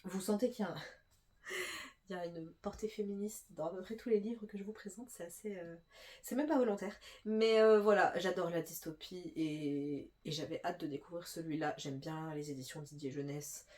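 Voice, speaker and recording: A woman's voice: sits low, normal speed, darkish tone. A young woman with a stuffy nose chatting casually through a book haul, full of fillers and restarts. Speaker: booktuber.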